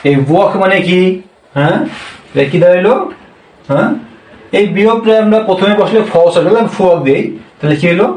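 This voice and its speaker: A man giving a spoken language lesson. He speaks slowly, repeats each point and asks questions that he answers himself. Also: sits high, a little mellow, distant mic. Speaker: Korean language teacher. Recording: roomy, from off the mic.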